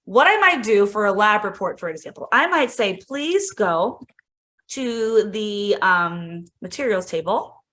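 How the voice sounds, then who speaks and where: This instructional coach, a woman with a mid-range voice and lively intonation, gives teachers an informal screen-share software demo at a measured pace. She's chatty and enthusiastic, saying "like" and "right?" as she clicks along.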